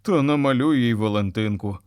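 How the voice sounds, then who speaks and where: A man's voice: mid-range voice, brisk, darkish tone, smooth, dry recording, studio quality, natural voice. A man voicing a big, kind, hungry green wolf in a children's audiobook. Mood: calm.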